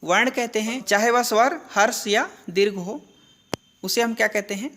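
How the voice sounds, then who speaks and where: A woman's voice: on the high side, moderate pace, fairly bright tone. A woman teaching a grammar lesson, who asks questions and answers them herself and repeats the key terms. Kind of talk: classroom-style lesson.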